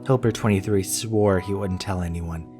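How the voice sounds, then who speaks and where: A man reads a scripted first-person horror narrative in a low, steady voice, deliberate and measured like a storyteller. Behind him, plucked guitar music plays clearly.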